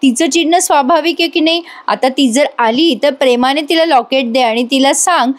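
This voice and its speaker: A woman's voice: high-pitched, normal speed, natural voice. A woman reading a chiding elder sister. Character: calm elder sister, keeps the peace.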